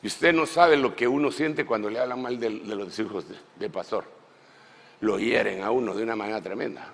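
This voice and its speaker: A man preaching a sermon at a church conference in an animated way, swinging from shouts to low asides and calling his listeners brother. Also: brisk, creaky. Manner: folksy, addresses listeners as brother. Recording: long hall reverb in a church.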